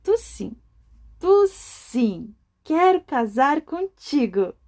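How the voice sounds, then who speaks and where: A woman's voice: high voice, very animated, very slow, darkish tone, heavily acted. A woman voicing a fussy female cockroach who turns down suitors and laughs as she talks. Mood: delighted. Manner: picky, dismissive, breaks into laughter.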